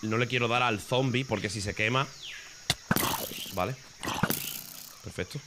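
A man from Spain with a Spanish accent, streaming a game in casual commentary, excitable and swearing, breaking into shouts. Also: mid-range voice, unhurried, very noisy.

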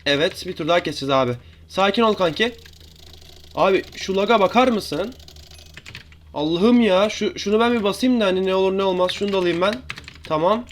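A young man giving chatty, excitable live commentary over his own gameplay as a gaming YouTuber, talking to viewers and opponents. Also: sits high, a little fast, slight background noise. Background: keyboard and mouse clicks.

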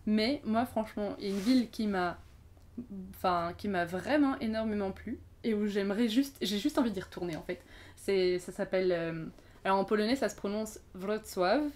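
Fairly quick and mid-pitched, this twenty-something podcast guest talks casually and easily. Her thoughts tumble out full of fillers and false starts, each sentence left unfinished as the next begins.

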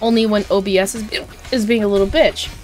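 A woman's voice: mid-range voice, steady tone, fast talker, a little mellow, soft background music. A woman streaming a game live, chatting casually and swearing, with hiccups.

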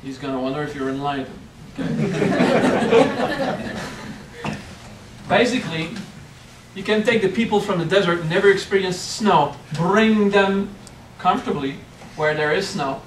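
Heard from afar through a camera mic in an echoey hotel meeting room, a middle-aged Frenchman leads a spiritual workshop. His voice sits high and a bit bright, with slight background noise, and he playfully keeps asking "okay?".

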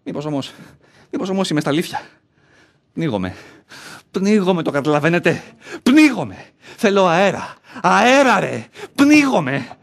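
Brief: male actor as a middle-aged, self-loathing bank clerk in a stage monologue, muttering and quarrelling with himself, pitch swinging widely. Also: lively intonation, long pauses, lightly acted. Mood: panicked, gasping. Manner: talks aloud to himself, argues with his own self. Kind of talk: theatrical monologue.

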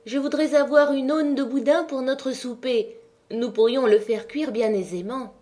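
A woman voicing a vain, quick-tempered peasant wife with a raised, emphatic voice. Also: high-pitched, fairly even intonation, mellow, pitched above the performer's own voice. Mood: eager.

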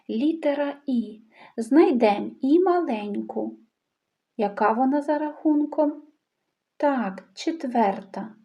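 A woman's voice: a little high, mellow, muffled recording. A woman giving a patient phonics lesson to young children, prompting and praising them. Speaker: kindergarten teacher.

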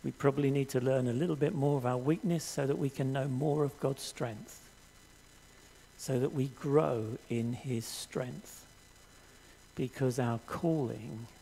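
An older man preaching a sermon in a church hall, earnest and measured, reading scripture aloud to the congregation. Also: medium pitch, vocal fry, mellow, a little hiss or hum. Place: church hall stage with audience.

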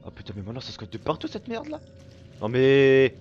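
A man giving casual gameplay commentary while he plays, swearing constantly and breaking into excited outbursts. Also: medium pitch, fairly quick, muffled recording, faint music behind. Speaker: let's play gamer.

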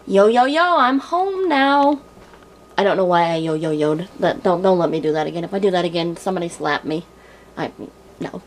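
A woman's voice: on the high side, slight background noise, rough recording. A young woman rambling goofily and self-deprecatingly in a casual vlog, filmed on a handheld camera at work and at home. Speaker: vlogger. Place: workplace and home.

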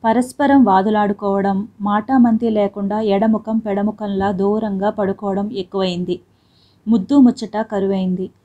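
A woman narrating a family drama story in a steady, even reading voice. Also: medium pitch, normal speed, dull audio.

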